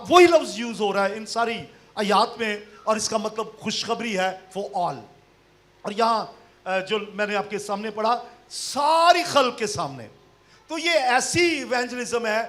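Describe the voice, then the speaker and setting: A man with a Pakistani accent leads a seminar session on scripture. His voice sits very high for a man, and he works through each verse slowly, slipping English phrases into his teaching. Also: a bit bright. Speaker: preacher. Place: seminar hall with slides.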